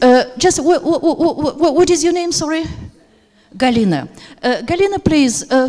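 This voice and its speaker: This teacher trainer, a native Russian speaker, has a high, slightly mellow voice. Leading a workshop lecture in a seminar room, she talks hesitantly with plenty of fillers. Her handheld microphone captures noticeable hall reverb.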